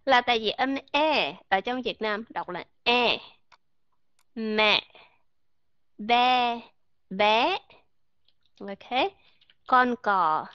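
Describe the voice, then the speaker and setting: In a dull, dry lo-fi recording with no echo, a woman from Vietnam leads an online lesson on English pronunciation. Her voice is on the high side with a fairly bright tone, and she patiently explains, repeats sample words and questions her listeners.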